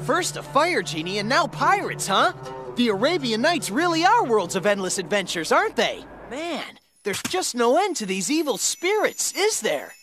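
A man's voice: extremely high pitch, big pitch swings, normal speed. A man voicing a cocky, breezy teenage hedgehog hero with a casual, wry delivery in a video game. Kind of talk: video game cutscene acting. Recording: music under the voice.

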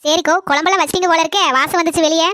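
In this cartoon comedy dialogue, a woman plays a nosy neighbor keen to pass along street gossip, with a Kanyakumari Tamil accent. Her very high voice stays steady in tone while racing along rapid-fire, pushed and bright. A little hiss or hum sits under her breathless, eager gossiping.

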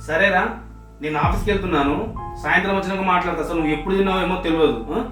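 A caring elder brother, played by a man, talking quickly and reassuringly. He sounds distant in an echoey room, with faint music behind him. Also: high voice, fairly even intonation, close to an everyday voice. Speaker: actor in a short film.

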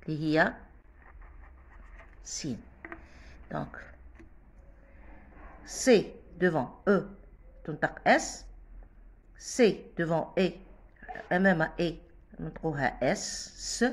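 Woman teacher, lively pitch, slightly husky, patient and repetitive. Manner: patient, repeats and spells out sounds. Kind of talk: casual spoken lesson.

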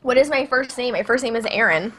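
Husky yet fairly bright, this gaming streamer's voice sits on the high side and moves a little fast. She has a Midwestern American accent and keeps up casual chatter during co-op gameplay.

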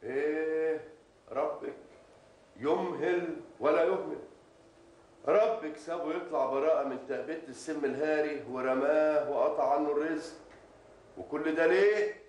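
An actor playing a sanctimonious husband who moralizes with pious sayings, in an Egyptian accent. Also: male voice, fairly high pitch, normal speed, a little mellow, lightly acted. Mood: preachy. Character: self-righteous, preachy husband quoting pious sayings. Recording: echoey, distant, music behind.

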